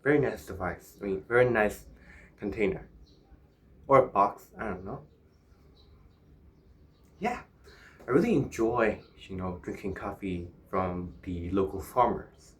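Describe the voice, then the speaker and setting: Low-voiced man, musing casually. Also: lively intonation, a little slow, long pauses. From Myanmar. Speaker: vlogger. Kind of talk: casual solo vlog chat.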